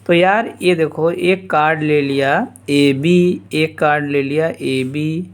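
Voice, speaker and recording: A man teaching a geometry lesson informally, repeating steps slowly and dropping casual asides. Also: on the high side, fairly even intonation, smooth. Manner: slow, repetitive explaining with casual asides. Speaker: math teacher.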